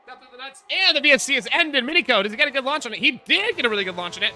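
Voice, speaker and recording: A man doing live play-by-play for an online racing league, shouting at close moves and straining his voice. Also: very high voice, expressive, very fast. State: losing his voice. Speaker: sim racing league commentator. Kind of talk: excited live esports race commentary.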